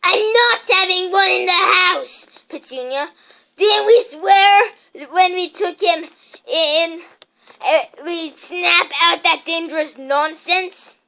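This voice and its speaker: A woman voicing Uncle Vernon, a blustering, bullying middle-aged man who snaps and sneers loudly in a storybook reading. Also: sits high, fairly even intonation, moderate pace, gravelly. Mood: anxious. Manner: loud, snapping, sneering.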